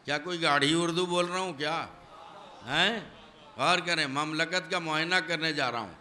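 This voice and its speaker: A man's voice: a little high, sharp tone. A male preacher giving a religious sermon, emphatic and full of rhetorical questions, often asking the audience whether they are paying attention. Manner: addresses audience directly, demanding attention.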